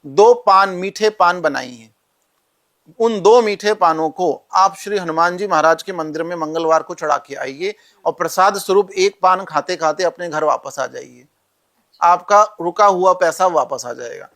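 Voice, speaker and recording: Appearing as an interview guest, an astrologer calmly walks the listener step by step through rituals and mantras, addressing them directly. His gravelly voice sits a little high for a man, and he speaks a little slowly.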